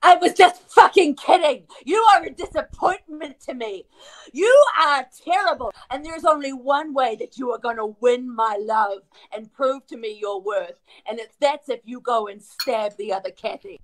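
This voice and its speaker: A woman's voice: high-pitched, normal speed, poor audio. A woman voicing a player character disguised as a mother, speaking in a theatrical, mock-tender way. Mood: scornful. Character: player in disguise as a doting then cruel mother. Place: home bedroom. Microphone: home remote-call mic.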